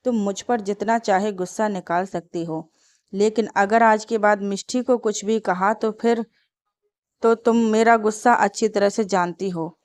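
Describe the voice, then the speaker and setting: A woman's voice: mid-range voice, fairly even intonation, unhurried, close to an everyday voice. A woman voicing a young man who is an angry, protective husband and uncle in a storybook tale. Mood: stern, angry.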